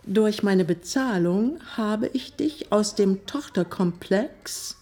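A self-assured mother in a radio play. She stays calm and detached, and her voice sits at a middle pitch. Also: slow pace. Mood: composed.

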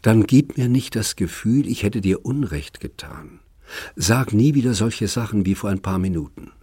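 A man's voice: fairly low pitch, lively intonation, moderate pace, warm tone, breathy edge, no room sound, studio quality. A man reading the part of an older wealthy man, lovesick and brooding, speaking earnestly and sometimes dropping to a half-whisper.

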